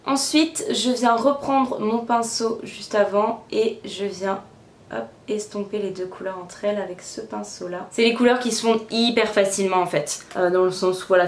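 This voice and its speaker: Chatty woman in an echoey room. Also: medium pitch. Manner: chatty, step-by-step, frequent filler "euh". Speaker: beauty vlogger. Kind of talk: casual makeup tutorial narration. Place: room at home.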